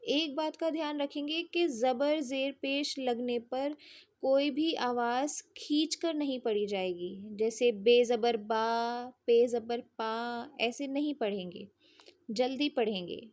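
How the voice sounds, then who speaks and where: A high-pitched woman teaches young children at an unhurried pace. She patiently spells out sounds in drills and keeps asking if they follow. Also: a little mellow. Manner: patient, drawn-out spelling drills with frequent check-ins. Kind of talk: slow children's lesson.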